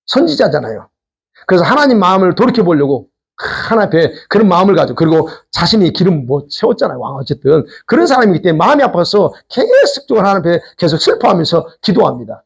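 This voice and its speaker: A man's voice: sits high, very animated, fast, gravelly, husky. A man pastor preaching a sermon in a conversational way, posing questions to the congregation. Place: church sanctuary.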